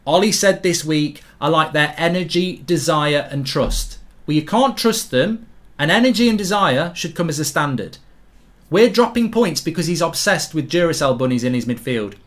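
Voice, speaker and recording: Man, fan channel host, fairly high pitch, emphatic, repetitive. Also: animated, normal speed, a bit bright. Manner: emphatic, repetitive, frustrated reasoning. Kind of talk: casual post-match rant to camera.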